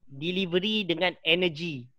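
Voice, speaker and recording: A man's voice: sits high, moderate pace, background noise. A man, a rapper, co-hosting a casual live stream and explaining with many repeated starts. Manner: hesitant, repeats words while explaining.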